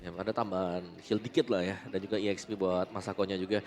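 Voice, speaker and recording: A man's voice: deep voice, steady tone, quick pace, background noise. An Indonesian man giving analytical live commentary on an esports match as one of the casters.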